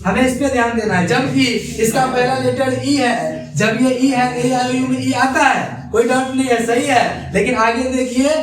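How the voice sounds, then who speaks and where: A man's voice: very high voice, fairly even intonation, normal speed, few pauses, a crowd in the background. A male teacher giving a classroom grammar lesson, asking his students questions and then answering them himself. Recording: echoey room, far from the mic.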